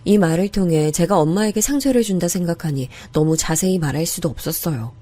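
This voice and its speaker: Mellow low-voiced woman storyteller. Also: expressive, fairly quick. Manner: earnest, confiding first-person retelling. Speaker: narrator of a true-story drama. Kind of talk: scripted first-person storytelling.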